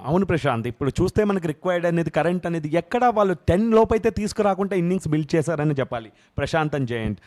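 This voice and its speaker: A man with an Indian accent giving excited, exclamatory live cricket commentary as a co-commentator. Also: a little high, racing, few pauses. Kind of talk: live cricket commentary mixing Telugu and English.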